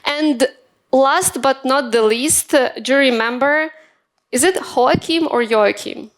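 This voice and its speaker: A woman's voice: sits high, slow pace. A woman moderating a startup demo day on stage, chatty and hesitant, with many fillers. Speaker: event host. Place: event stage in Kyiv.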